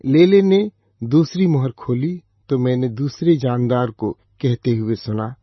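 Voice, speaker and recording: A man with a husky voice reading scripture aloud in a measured, solemn manner. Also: medium pitch, no echo. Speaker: scripture reader. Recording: dull, slightly lo-fi dry recording.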